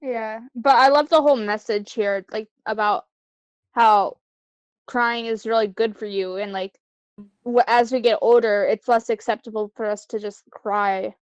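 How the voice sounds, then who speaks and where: A woman's voice: on the high side, fairly even intonation, measured pace, clean tone, no room sound, dull audio. A young woman co-hosting a podcast, chatting and reflecting on an anime and laughing easily. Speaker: podcast co-host. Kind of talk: casual anime discussion.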